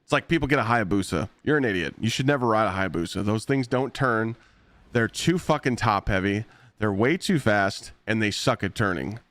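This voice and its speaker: A man livestreaming and spinning blunt, profanity-laced stories. His pitch swings widely as he talks, and the sound is dry and close on the mic. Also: moderate pace, no room sound. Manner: blunt, profane, animated storytelling. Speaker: live streamer. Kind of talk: casual storytelling while gaming.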